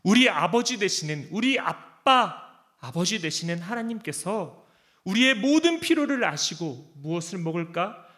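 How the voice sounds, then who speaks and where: A man preaching with great feeling, his voice sitting high and swinging widely as he acts out pleas and answers. He talks like a pastor who is speaking straight to his people. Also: fairly bright tone. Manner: impassioned preaching, acting out pleas and God's replies. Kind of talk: sermon.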